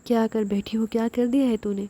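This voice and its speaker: A woman's voice: a little high, fairly even intonation, warm tone, natural voice. A woman voicing a poor male servant who asks anxiously what is happening. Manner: anxious, pleading.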